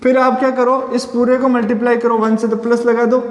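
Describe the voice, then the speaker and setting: A man teaching physics in a classroom lecture, asking and answering his own questions and slowing down to spell out formulas. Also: extremely high pitch, level tone. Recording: echoey room with long reverb.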